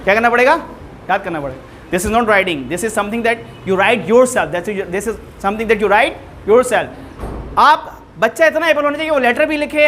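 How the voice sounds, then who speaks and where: Man, teacher, bright tense voice, faint background noise, lively classroom lecture. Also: high voice. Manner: lively, rhetorical questions to students, switches between languages. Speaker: English teacher. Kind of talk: classroom lecture mixing Hindi-Urdu and English.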